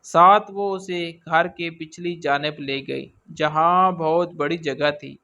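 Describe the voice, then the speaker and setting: A man reading a scripted story aloud in a steady, even storytelling manner. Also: fairly high pitch.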